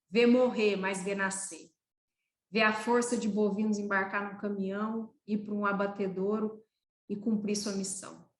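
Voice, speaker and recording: Female Brazilian veterinarian guest, mid-pitched, earnest and lyrical, echoey room sound. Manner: earnest, poetic and emphatic. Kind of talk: reflective interview talk.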